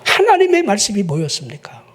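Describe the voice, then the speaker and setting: A man pastor preaches in a church with a Chungcheong Korean accent. His voice sits unusually high and moves through a wide, animated melody. He teases the congregation and breaks into sudden shouts. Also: a little fast. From Chungcheong, South Korea. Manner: joking, animated, bursts into shouting. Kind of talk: sermon. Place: church sanctuary.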